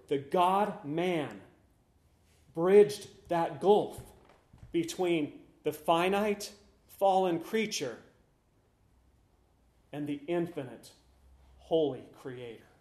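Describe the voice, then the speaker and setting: Slow, solemn preacher man, roomy echo. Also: fairly high pitch, warm tone. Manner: slow, solemn and emphatic, with long pauses between phrases. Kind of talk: sermon.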